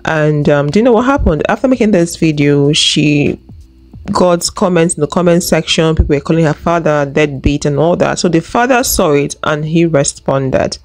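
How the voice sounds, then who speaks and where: A woman's voice: deep voice, normal speed. A woman hosting a reaction video, recapping the story in a conversational way and building suspense into a studio mic. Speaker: channel host. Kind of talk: reaction commentary. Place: home room. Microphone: studio mic on stand.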